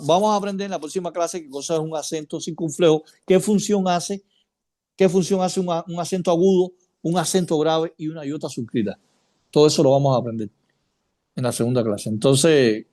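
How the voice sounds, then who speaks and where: A man's voice: fairly high pitch, darkish tone. A man teaching an informal Bible study class, chatty, asking his students questions and repeating points as he goes. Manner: chatty, checks in with students by name, repeats himself.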